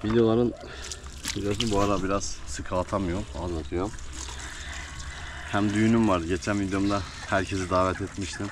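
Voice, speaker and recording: A man's voice: on the low side, fairly even intonation, fairly quick, long pauses. A man vlogging casually from his farm, chatting to viewers and fondly to his animals. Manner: chatty, affectionate with his animals, laughs often. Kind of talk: casual vlog talk to camera. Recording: noisy farm sound with clucking chickens.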